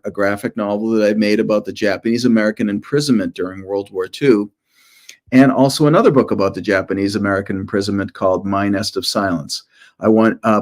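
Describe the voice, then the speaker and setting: A man with a lowish voice speaks informally to students as a children's author and illustrator. His storytelling is animated, and he uses self-deprecating humor.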